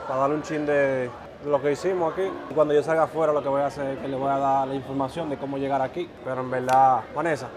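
A man's voice: mid-range voice, steady tone, fast, noisy background. A man, a food vlogger chatting enthusiastically at a restaurant table, repeating his phrases. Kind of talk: casual restaurant vlog. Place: busy restaurant. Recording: crowd chatter behind.

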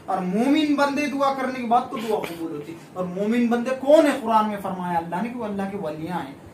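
A man's voice: sits high, noisy background. Man preaching a scolding sermon, echoey. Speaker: faith healer and preacher. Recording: echoey room, voice far from the mic.

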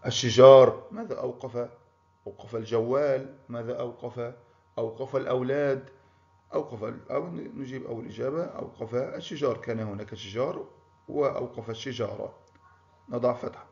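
A man's voice: mid-range voice, a little fast, creaky, darkish tone. A man teaching a primary school grammar lesson, encouraging pupils and praising them by name. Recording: muffled lo-fi recording.

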